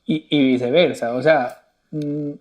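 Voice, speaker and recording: A man hosting a podcast, asking thoughtful questions that he builds slowly. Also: on the high side, fairly even intonation. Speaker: podcast host. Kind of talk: conversational interview.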